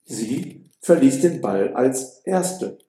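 A man narrating a story for an audiobook in a calm, measured way. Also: mid-range voice, echoey room.

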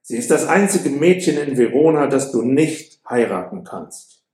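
A man's voice: medium pitch, lively intonation, moderate pace, dark tone, reverberant, close to an everyday voice. A man reading an audiobook voices a cautious young friend who speaks in a dry, matter-of-fact way. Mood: knowing.

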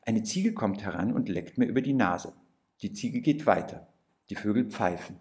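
A man calmly reading a first-person story aloud, gentle and unhurried, with a few lifted exclamations. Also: lowish voice. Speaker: narrator.

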